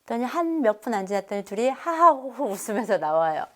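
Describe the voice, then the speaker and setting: A woman's voice: fairly high pitch, big pitch swings, fast talker. A middle-aged woman giving a family seminar lecture on raising children. She weaves in stories from her own home and acts out the lines she and her children said. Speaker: parenting seminar speaker.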